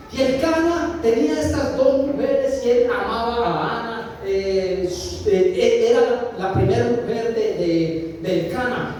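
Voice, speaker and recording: A man's voice: extremely high pitch, mellow. A man from Colombia preaching a sermon to his congregation, addressing them directly with frequent hesitations and repeated phrases. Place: church. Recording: echoey church hall, distant mic, faint noise.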